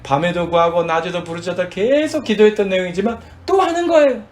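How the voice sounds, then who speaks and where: A man's voice: high-pitched, brisk. A man preaching a sermon as pastor, addressing the congregation and acting out dramatic quoted prayers.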